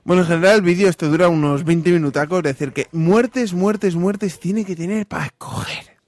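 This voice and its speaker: A man casually commenting on videos, excitable, swearing freely and acting out the lines he describes. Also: high-pitched, moderate pace, dry recording. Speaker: host reacting to videos.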